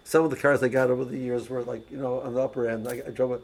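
Husky-voiced man teaching with stories. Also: mid-range voice, level tone, fast, low-quality recording. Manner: storytelling, many restarts and repeated words. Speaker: religious teacher. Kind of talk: casual teaching talk with anecdotes.

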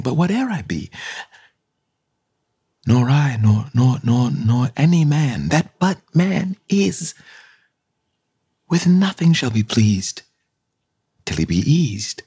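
An actor playing an imprisoned, deposed king in a Shakespearean radio play, musing in halting, theatrical verse with a husky, breathy voice. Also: lowish voice, a little mellow, dry recording, exaggerated voice. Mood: restless, bitter. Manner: halting, introspective, theatrical, breaking into sudden swells. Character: imprisoned deposed king, brooding, self-pitying, mentally unravelling.

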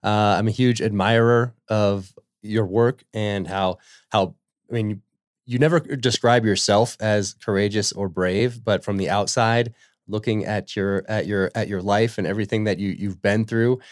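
A male podcast host with a very low voice. He talks in a halting way, full of fillers and restarts, and the sound is close and dry with no room echo. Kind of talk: reading a book excerpt, then interviewing.

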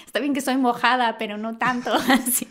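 A woman's voice: fairly high pitch, fairly even intonation, moderate pace, noisy background. A woman with a Mexican accent, a talk show guest who tells a funny story, acting out the lines of others and laughing often. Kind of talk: animated anecdote telling.

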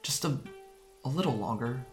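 An actor playing a guarded young man from Japan, quietly recounting how he fled home in an audio drama. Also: mid-range voice, animated, faint music behind, natural voice. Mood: somber. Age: young adult. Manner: soft, hesitant storytelling with halting restarts. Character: young man, guarded and wry, recalling his escape. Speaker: interviewee.

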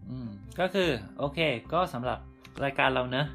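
Relaxed Thai podcast host, man. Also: medium pitch, normal speed, vocal fry, faint music behind. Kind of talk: casual podcast chat.

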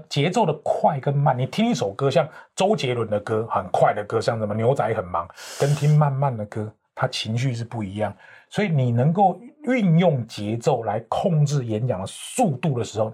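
Husky-voiced man coaching on speaking. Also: mid-range voice, lively intonation, a little fast, a little mellow. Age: 50s. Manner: expansive, lecturing, confident. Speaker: guest, professional speaking coach. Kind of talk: interview, explaining with examples.

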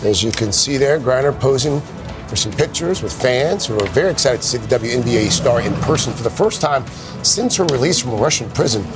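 Guy anchor reading morning news, medium pitch, music going behind him. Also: lively intonation, fairly quick.

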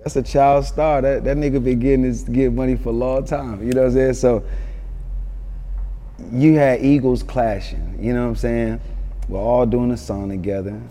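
A man tells stories in a relaxed interview. His voice is mellow and dark, and the hall gives it a long reverb. He talks loosely and excitedly, swears, and keeps adding "you know what I'm saying". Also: mid-range voice, moderate pace, slight background noise. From Atlanta, born in Yonkers. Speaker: interview guest, rapper. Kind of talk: casual storytelling interview.

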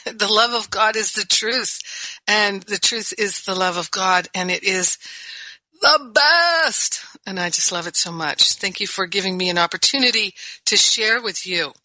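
A woman's voice: mid-range voice, normal speed, pushed and bright, dry recording, rough recording. A woman hosting a spiritual radio talk show, speaking with gushing enthusiasm and laughing often.

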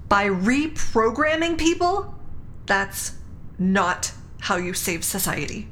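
A woman's voice: mid-range voice, sing-song, slow, fairly bright tone, slight background noise. A woman playing an earnest, cautious, principled young woman in an audio drama, speaking sincerely. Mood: uneasy, challenging. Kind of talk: scripted audio drama acting.

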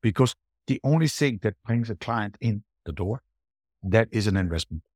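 A man's voice: fairly low pitch, expressive, moderate pace, darkish tone, no echo, clean studio sound. A middle-aged or older man with an Austrian accent and German as his native language, giving emphatic, conversational answers as an interview guest. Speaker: podcast guest, booking strategist.

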